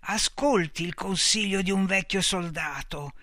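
A man voicing a boisterous old male army veteran who talks slowly and emphatically, with a confidential, wheedling manner. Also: sits high, a bit bright, dry recording, clean studio sound.

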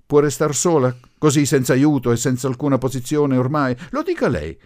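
A man voicing a forceful middle-aged professor who speaks loudly and imperiously. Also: mid-range voice, very animated, fairly quick, pitched above the performer's own voice, lightly acted. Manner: imperious, insistent, loud.

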